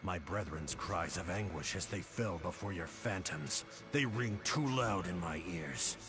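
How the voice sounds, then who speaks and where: A man's voice: sits low, unhurried. An actor voicing a grim, proud alien warrior man who speaks with scornful severity.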